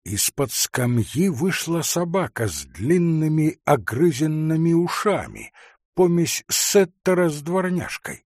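A man reading a story aloud in a slow, dramatic, expressive way. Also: a little high, no echo, studio quality. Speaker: narrator.

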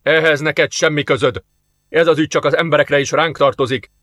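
A man's voice: on the high side, fairly even intonation, a bit bright, no room sound, voice pushed up, lightly acted. A man voicing a stern, hostile male alien warlord in an audiobook, talking in curt commands.

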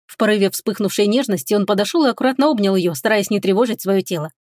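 Woman narrator, measured expressive reading, mid pitch, dry close sound. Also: dry recording. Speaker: audiobook narrator. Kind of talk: scripted fantasy narration.

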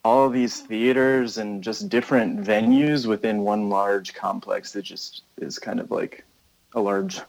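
A lowish, unhurried male voice with vocal fry belongs to an American musician on tour, speaking in a phone interview. He's relaxed and rambling, working things out aloud, and the recording quality is poor.

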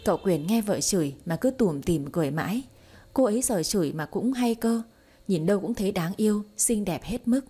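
A woman narrates a romance story in a steady, even storytelling manner. Her voice is mellow and dark with a husky edge. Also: mid-range voice, brisk.

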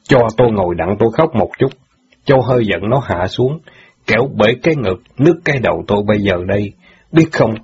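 A man's voice: on the low side, animated, a little mellow, husky, full character voice. A man voicing a bitter, grieving middle-aged ex-bandit who pleads and rages at the wife who left him, in an audio story. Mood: pleading. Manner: reproachful, pleading, quick to anger. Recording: dull lo-fi audio.

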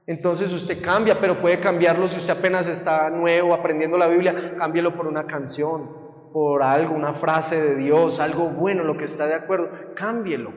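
A man delivers a sermon in an animated way, slipping into quoted voices and sound effects as he teaches. His voice sits high for a man. It rings out with a long hall reverb. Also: normal speed, lo-fi sound. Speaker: preacher.

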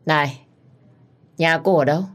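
A woman's voice: sits low, moderate pace, close to an everyday voice. A woman voicing a caring, protective young man who asks urgent, tender questions in a story reading. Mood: concerned.

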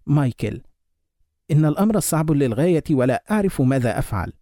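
A man's voice: a little high, sing-song, fast, dark tone, dry recording, studio quality. A man voicing a troubled young married woman in love, reading her lines in a restrained, sorrowful way.

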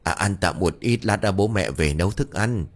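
A man playing a kindly, stubborn village man near fifty who coaxes a child gently and bickers with his wife. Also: sits low, expressive, moderate pace. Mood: coaxing.

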